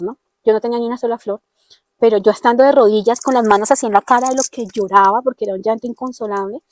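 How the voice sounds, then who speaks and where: A woman's voice: on the high side, darkish tone, no echo. Earnest Colombian woman telling a story. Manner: earnest storytelling, acts out quoted dialogue. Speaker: interviewee telling her testimony. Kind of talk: personal testimony in conversation.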